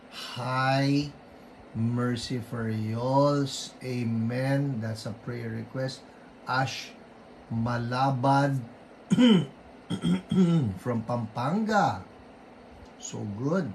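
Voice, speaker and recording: Filipino man, pastor on a livestream, unhurried, faint hiss behind, keeps his voice down. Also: mid-range voice, poor audio. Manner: greets viewers by name, mixing Tagalog and English; rebukes illnesses in forceful prayer bursts. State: keeping his voice low after weeks of voice trouble. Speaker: pastor hosting an online healing service. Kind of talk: livestream greetings and prayer.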